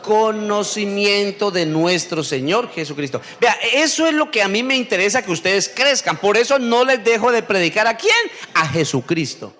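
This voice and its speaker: High-voiced pastor preaching call-and-response. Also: male voice, lively intonation, fairly bright tone. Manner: call-and-response questioning, drawn-out answers; acts out whiny voices in a high squeak. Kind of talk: sermon.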